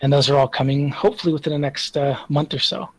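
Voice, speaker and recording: A man speaks as an interviewed developer in a casual, hesitant way. His voice sits at a middling pitch and has a slightly husky texture. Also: steady tone, fast talker.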